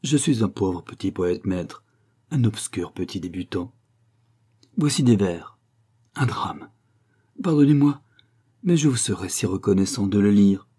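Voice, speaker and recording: A man voicing a timid young male poet who speaks humbly and imploringly, in a low, husky voice. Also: a little slow, mellow. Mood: pleading.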